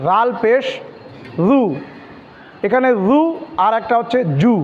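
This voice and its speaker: A man with a Bangladeshi Bengali accent teaching Quran pronunciation step by step, spelling out letters and vowel marks slowly and repeating each syllable. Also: high-pitched, long reverb tail, muffled recording, slight background noise.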